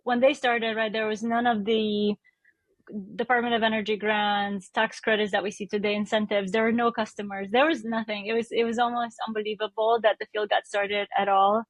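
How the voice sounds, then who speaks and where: A Romanian startup founder in her thirties answers interview questions thoughtfully, often restarting and correcting herself, with light laughs. Her medium-pitched voice is flat and a little fast, with no room sound.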